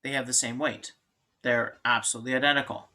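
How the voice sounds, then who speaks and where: A man's voice: medium pitch, steady tone, brisk, sharp tone. A man lecturing on chemistry in an informal, joking way, thinking aloud and restarting sentences. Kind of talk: classroom lecture.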